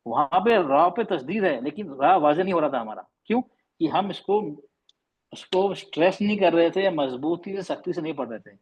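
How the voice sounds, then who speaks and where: A man teaching an online class on recitation, patiently stretching and repeating example sounds. His voice sits a little high and sounds husky. The recording is dull and lo-fi. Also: expressive. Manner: explains patiently, demonstrates sounds slowly and repeats them. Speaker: tajweed teacher.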